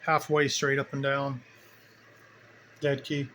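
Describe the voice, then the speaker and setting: A man casually showing his radio setup, talking in a relaxed, rambling way as he thinks aloud. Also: medium pitch, slow, slight background noise. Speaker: CB radio hobbyist vlogger. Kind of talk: casual hands-on demo.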